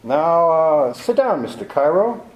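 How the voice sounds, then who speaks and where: A man's voice: fairly high pitch, sing-song, measured pace, darkish tone, reverberant, a little hiss or hum, poor audio. Man playing a cynical, tough private eye. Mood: wry. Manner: wry, clipped, world-weary. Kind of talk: 1940s radio drama acting.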